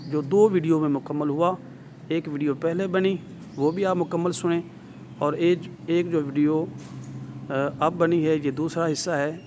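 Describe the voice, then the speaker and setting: A man's voice: a little high, slight background noise. A man with a Pakistani Urdu accent teaching a tajweed lesson, patiently explaining rules over and over and stretching sounds to demonstrate them. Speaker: Quran recitation teacher. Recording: dull lo-fi recording.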